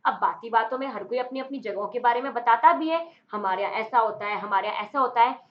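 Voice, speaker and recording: A woman's voice: on the high side, quick pace. Chatty woman teaching vocabulary, lo-fi. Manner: chatty, playful, mixes in English, explains with memory tricks. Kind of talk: online exam-prep lesson. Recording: dull lo-fi recording.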